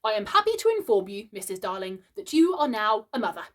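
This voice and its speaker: A woman's voice: medium pitch, sing-song, a little fast, a bit bright. A woman voicing a young boy who mimics his father in a mock-formal, pompous tone. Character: boy acting grown-up, pompous.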